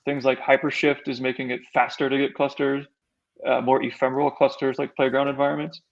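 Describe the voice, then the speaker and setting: A man in his middle range of pitch, speaking as a guest on a casual tech show. He talks in an easygoing, enthusiastic way and laughs easily. His audio sounds a little dull and lo-fi. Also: flat delivery, a little fast, creaky.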